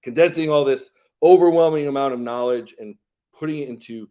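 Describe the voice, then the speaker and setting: A man in his fifties, a health coach co-hosting a live show, talking earnestly and telling a story with frequent pauses and fillers. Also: medium pitch, dark tone. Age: 50s. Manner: earnest, pausing often with "and, uh" fillers.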